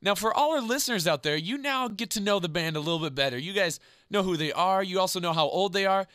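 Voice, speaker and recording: A man's voice: sits high, lively intonation, fast, fairly bright tone, clear, resonant tone, no echo, clean studio sound. A man hosting a radio interview in a chatty, friendly way with casual slang. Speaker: radio show host.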